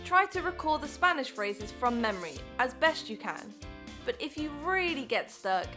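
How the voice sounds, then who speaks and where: A woman's voice: high voice, very animated, unhurried, music in the background. A woman narrating a language course in an upbeat, encouraging scripted style.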